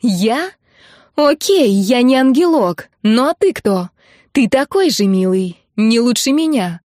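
A woman reading an audiobook voices a fierce young blonde woman who talks rudely and combatively, often shouting. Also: a little high, lively intonation, slow, dry recording, studio quality, voice pushed up. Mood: jeering. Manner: rude and combative, shouting and jeering.

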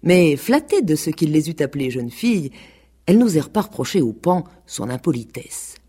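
Woman narrator for a radio tale; expressive, animated, a little husky. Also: deep voice, moderate pace. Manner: expressive storytelling.

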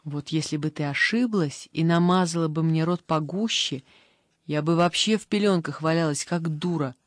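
A woman's voice: deep voice, normal speed, no room sound, clean studio sound, lightly acted. A woman voicing a sensible, bossy older sister who is a thirteen-year-old girl in an audiobook. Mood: reasoning. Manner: reasoning, scolding, matter-of-fact. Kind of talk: audiobook character voice.

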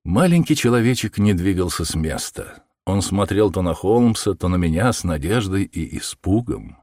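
A man narrating an audiobook in an expressive storytelling manner. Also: deep voice, moderate pace, no echo, clean studio sound. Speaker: audiobook reader. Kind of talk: scripted narration.

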